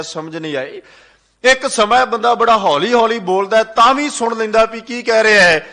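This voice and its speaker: A man's voice: high-pitched, sharp tone. A man giving a sermon at a gurdwara, chanting scripture lines in a sing-song way and repeating phrases for emphasis. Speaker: Sikh preacher giving katha. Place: gurdwara hall.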